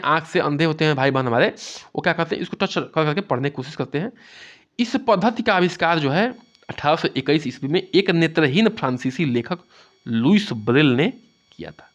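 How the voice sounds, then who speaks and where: A man giving an exam-prep lecture and explaining things with a lot of repetition, often asking "theek hai". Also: on the high side. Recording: dull lo-fi sound.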